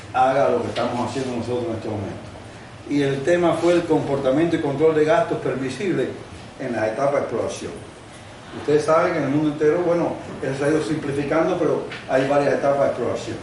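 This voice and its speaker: A man's voice: mid-range voice, a little mellow. An older man born in Cuba, giving a conversational university lecture with examples and asides, speaking without a microphone. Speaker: guest lecturer. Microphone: no microphone, distant recording. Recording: very echoey room, distant mic, faint noise.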